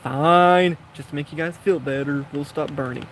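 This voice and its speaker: A young man with a slightly higher voice gives loose, rambling commentary as he plays, chatting to himself and the game. A faint hum sits behind his voice. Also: fairly even intonation, quick pace. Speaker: gaming vlogger. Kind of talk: casual gameplay commentary.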